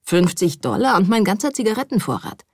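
A wry, teasing man behind the wheel, as a woman reads him aloud. His lines come lower than the narration, husky and laid-back. The sound is close and dry. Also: big pitch swings, brisk, dry recording, heavily acted. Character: grinning, charming male war-zone driver, adult.

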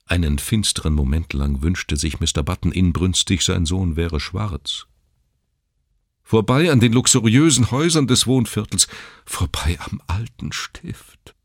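Low gravelly guy reading a story out loud, lively delivery, dry close sound. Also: measured pace, dry recording. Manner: expressive storytelling. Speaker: narrator. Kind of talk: audiobook narration.

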